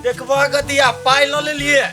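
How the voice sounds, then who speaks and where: Man acting defensive village grandson, Bihari accent, very high bright voice, comedy skit, music behind. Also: level tone, unhurried, full character voice. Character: village grandson who sold the motorbike for liquor money, defensive.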